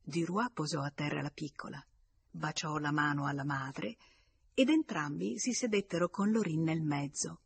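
Husky woman reading a classic novel. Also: low voice, no room sound. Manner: steady, measured literary reading. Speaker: audiobook narrator. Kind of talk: scripted narration.

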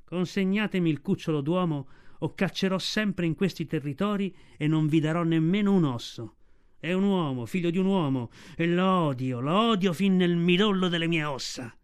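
A man's voice: a little high, normal speed, smooth, lightly acted. A man doing a growling, hateful tiger. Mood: contemptuous. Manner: growling, contemptuous. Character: male tiger, menacing, hateful and scheming.

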